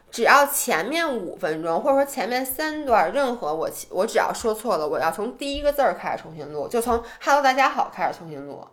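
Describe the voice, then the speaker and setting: A woman co-hosting a podcast in casual chat, animated and self-deprecating, speaking with a tinge. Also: fairly high pitch. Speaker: podcast co-host.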